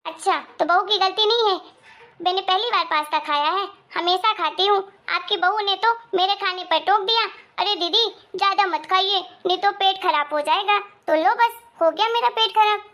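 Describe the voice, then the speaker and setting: A woman's voice: very high-pitched, normal speed, sharp tone. A woman voicing a quarrelsome young married daughter who complains and scolds, in a Hindi moral story cartoon. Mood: scolding.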